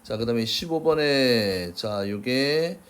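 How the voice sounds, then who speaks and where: A man's voice: medium pitch, animated, takes it slowly, smooth. A man teaching science, working through workbook problems in a casual lecture and often checking with "그치?". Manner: casual, checks in with frequent "그치?" tags; refers to himself as 쌤.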